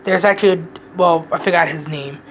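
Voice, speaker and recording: A woman's voice: on the low side, a little fast, slight background noise, poor audio. A woman giving a casual, rambling movie review, blunt and profane, often restarting her sentences.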